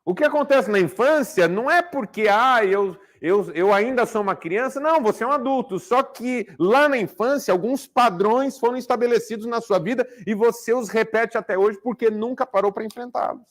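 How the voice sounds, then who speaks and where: A man's voice: very high-pitched, brisk, few pauses. A man giving a motivational talk to a men's group, asking rhetorical questions and acting out little dialogues. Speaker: speaker at a men's group, therapist.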